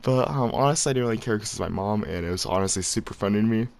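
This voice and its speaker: Low-voiced young guy telling a story. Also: rapid-fire, gravelly. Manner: slangy, rambling, laughs while telling. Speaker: vlogger. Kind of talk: casual storytelling.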